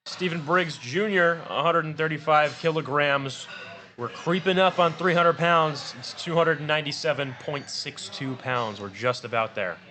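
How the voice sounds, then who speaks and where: A man announcing lifters and weights at a powerlifting meet, talking fast and tripping over numbers. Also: on the high side, pushed and bright. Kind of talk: live announcing. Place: powerlifting gym.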